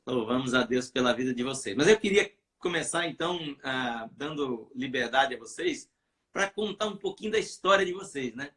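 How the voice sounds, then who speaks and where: A man's voice: medium pitch, lively intonation, normal speed, a bit bright. A Brazilian man hosts a church live stream in a loose, chatty way. He rambles, restarts his sentences and leans on fillers as he talks. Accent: Brazilian Portuguese.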